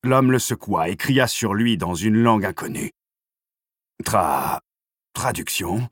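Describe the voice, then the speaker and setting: Deep guy reading an audiobook, husky, steady, dry close mic. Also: no room sound. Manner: measured, steady storytelling. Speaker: audiobook narrator. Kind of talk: scripted audiobook narration.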